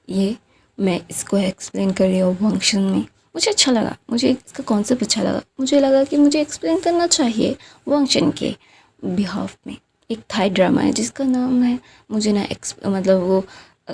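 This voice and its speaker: A woman's voice: mid-range voice, creaky, mellow, slight background noise. A woman casually retelling a fan story, chatty and loose, with lots of fillers, sometimes dropping to a near-whisper.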